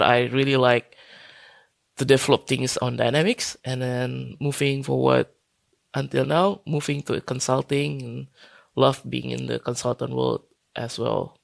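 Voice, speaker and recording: A man's voice: mid-range voice, vocal fry, no room sound. A man in his thirties from Indonesia, speaking as a guest on a remote interview, hesitant, with many fillers and restarts. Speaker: guest consultant. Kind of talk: casual interview talk.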